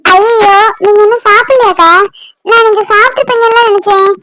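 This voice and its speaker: Actor doing a sorry, eager young cartoon cook, very high and bright. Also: fairly even intonation, a little fast. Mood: apologetic. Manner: apologetic, eager to please. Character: apologetic young woman cook of the house. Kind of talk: Tamil cartoon voice acting.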